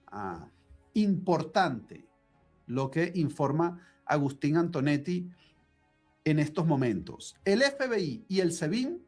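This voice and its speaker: Male commentator, high voice, emphatic breaking-news delivery, light music under.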